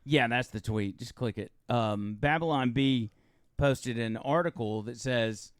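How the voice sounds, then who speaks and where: A man's voice: medium pitch, measured pace, clean tone, no echo. A man co-hosting a radio talk show, trading jokes in casual studio banter and laughing often. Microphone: studio microphone.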